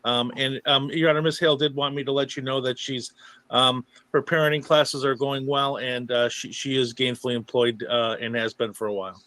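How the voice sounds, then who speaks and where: A man speaking as a public defender in court, addressing the judge in a halting, deferential way. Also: mid-range voice, fairly even intonation, fairly bright tone, no echo.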